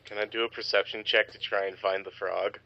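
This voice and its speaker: A man's voice: lowish voice, little pitch movement, a little fast, gravelly, bright, forceful tone, a little hiss or hum. A man playing a tabletop role-playing game, easygoing and chatting casually with friends. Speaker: player. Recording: dull, lo-fi home recording.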